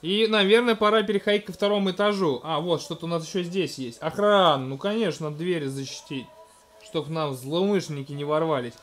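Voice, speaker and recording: A gentle dad hosting a let's-play narrates the screen to his toddler in casual, coaxing commentary, his voice a little high and a little fast. Soft music plays underneath.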